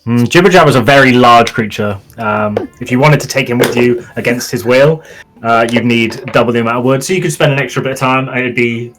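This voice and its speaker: A man's voice: medium pitch, a little fast, noisy background. A man narrating a tabletop game as game master, talking players through their actions.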